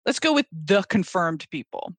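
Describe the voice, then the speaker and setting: A podcast co-host in a casual discussion, talking in an animated, quick way and often acting out quoted lines with a laugh. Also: medium pitch, no room sound.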